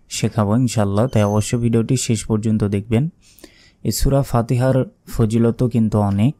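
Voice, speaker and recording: A man with a Bangladeshi Bengali accent teaching correct Quran recitation, explaining slowly and deliberately with drawn-out chanted examples. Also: fairly low pitch, dark tone. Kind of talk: religious recitation lesson.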